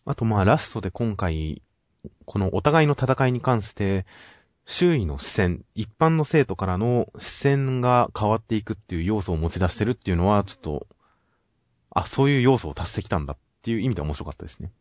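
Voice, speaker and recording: A man's voice: fairly low pitch, lively intonation, no echo. A man co-hosting a casual talk show, politely and steadily summarizing manga chapters and giving his views. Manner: measured, polite, summarizing plot. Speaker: podcast co-host reviewing manga. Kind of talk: casual chat.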